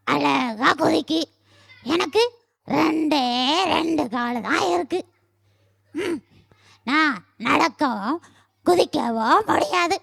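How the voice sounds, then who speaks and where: A woman's voice: high-pitched, creaky, fairly bright tone, full character voice. A woman voicing a kind crow in a puppet show who caws and offers help. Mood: self-pitying. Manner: plaintive then eager, cawing. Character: kind, helpful crow, gloomy about having two legs.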